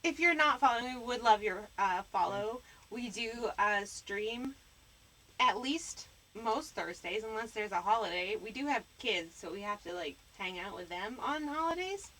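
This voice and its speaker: A woman's voice: fairly high pitch, expressive, moderate pace, a bit bright, slight background noise, low-quality recording. A woman hosting a live stream, teasing her guest and rambling with fillers in casual banter. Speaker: stream host.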